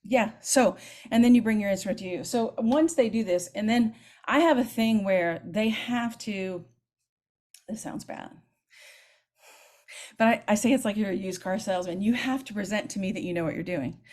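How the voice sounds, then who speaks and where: A woman in her fifties, a middle school band director, explaining trumpet technique in a lively, chatty way and demonstrating as she talks. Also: medium pitch, normal speed. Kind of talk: teaching clinic, explaining technique.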